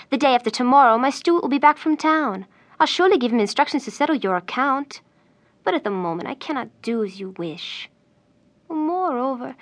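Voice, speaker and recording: An actress playing a proud widowed lady of an estate, speaking in a formal, prim, dignified way. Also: sits high. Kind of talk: stage play acting.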